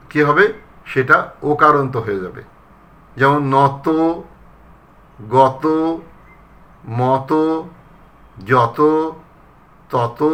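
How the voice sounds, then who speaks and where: Male recitation coach from Bangladesh, slow, bright-toned, drills example words one by one. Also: medium pitch. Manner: slow, deliberate, repeats words to demonstrate pronunciation. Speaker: recitation trainer. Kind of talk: pronunciation lesson.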